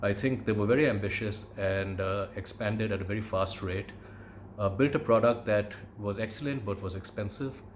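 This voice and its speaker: A middle-aged man from India with an educated Indian English accent, reminiscing in a conversational monologue with measured, hesitant phrasing. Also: fairly low pitch, a little hiss or hum. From Calcutta, India. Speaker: podcast host, aviation commentator.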